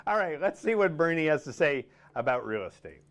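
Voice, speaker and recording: A man's voice: fairly high pitch, very animated, brisk, soft background music. A man in his fifties chatting casually and ramblingly as a show co-host.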